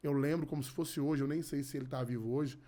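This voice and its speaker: A man's voice: mid-range voice, steady tone, fast talker, warm tone. Earnest man telling his faith story. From Rio de Janeiro. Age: 30s. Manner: earnest, repeats phrases, many restarts. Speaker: podcast guest, gospel musician. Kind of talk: casual testimony.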